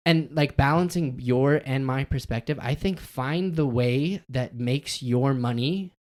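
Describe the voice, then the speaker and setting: A man's voice: medium pitch, a little slow, darkish tone. A man co-hosting a podcast in casual chat, laid-back and slangy, rambling with lots of fillers. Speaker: podcast co-host.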